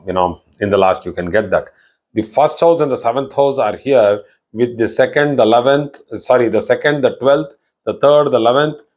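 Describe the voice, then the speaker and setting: A South Indian man with a medium-pitched voice teaches an online astrology class, speaking South Indian English. He explains in a repetitive way, restarting himself and dropping "you know" often.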